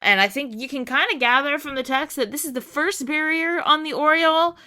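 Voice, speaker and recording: Woman, bright forceful voice, casual game recap, rambling explanations, podcast co-host. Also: sits high, brisk.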